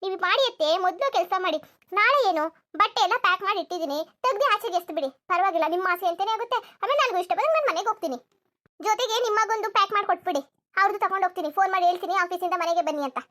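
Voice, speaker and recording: A woman's voice: very high voice, animated, racing, sharp tone, exaggerated voice. A woman voicing a lazy, sleep-loving young daughter-in-law in a cartoon comedy, cheeky and argumentative. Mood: defiant. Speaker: narrator addressing viewers.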